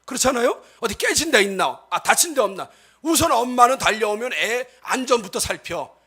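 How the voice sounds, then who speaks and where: A male pastor giving a lively sermon, acting out quoted speech and often addressing the congregation directly. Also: very high-pitched, moderate pace, breathy edge. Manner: animated, acts out quoted speech.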